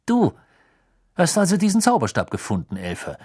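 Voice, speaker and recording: A man's voice: fairly high pitch, wildly swooping pitch, moderate pace, warm tone, breathy edge, voice pushed up, heavily acted. A man voicing a stern, suspicious middle-aged wizard official who interrogates sharply. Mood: accusing. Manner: accusing, blustering, interrogating.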